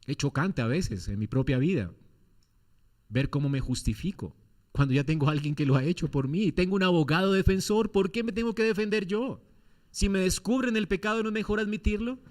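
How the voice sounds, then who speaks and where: A man's voice: sits high, fairly quick, a little mellow. A man preaching a sermon as pastor, firing off rhetorical questions with emphatic swings in his delivery.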